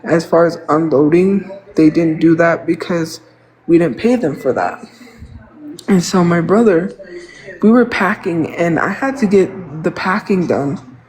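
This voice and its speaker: This man in his thirties has a somewhat high, slightly mellow voice and a stuffy nose, and he talks at a measured pace. Chatting casually on a livestream, he rambles, vents and repeats himself, and the recording is rough.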